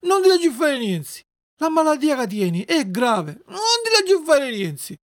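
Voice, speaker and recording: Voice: mid-range voice, big pitch swings, fairly quick, no echo, clean studio sound, voice pushed up. A reader voicing a stubborn, whining wooden puppet boy in a dialect, from sulky protests to wailing pleas. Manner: wailing, pleading, petulant.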